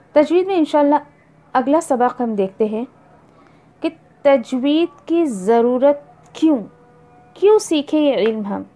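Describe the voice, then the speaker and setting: A woman teaching a religious lesson on Quran recitation, speaking slowly and deliberately and spelling out letters one by one. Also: sits high, darkish tone. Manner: opens with Arabic prayers.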